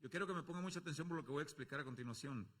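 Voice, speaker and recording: A man with a Mexican accent preaching a sermon as pastor, swinging from loud calls to low asides and acting out quoted voices. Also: racing. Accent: Mexican Spanish. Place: church.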